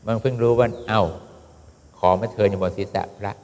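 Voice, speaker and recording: A calm male preacher gives a Buddhist sermon in a measured, steady way. His voice sits low and speaks straight to his listeners. A long reverb trails behind every phrase.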